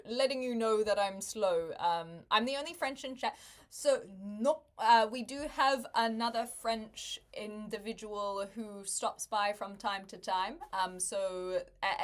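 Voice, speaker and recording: A woman, chatting casually with viewers on a livestream, laughing often and making wry asides. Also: medium pitch. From New Zealand. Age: 20s.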